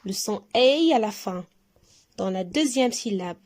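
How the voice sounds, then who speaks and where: A woman teaching young pupils to read, stretching out each sound and syllable slowly and clearly so they can repeat after her. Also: mid-range voice, animated. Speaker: primary school French teacher. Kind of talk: recorded reading lesson for young pupils.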